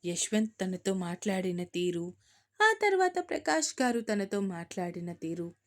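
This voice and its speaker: A woman narrating a romance story in a steady, expressive reading voice. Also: mid-range voice, a little slow.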